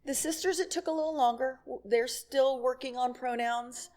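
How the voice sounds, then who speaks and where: Speaking at a church service as a guest, this middle-aged woman has a high, darkish voice and a moderate pace. She laughs while sharing candid, wry personal stories with the congregation and acting out snatches of dialogue.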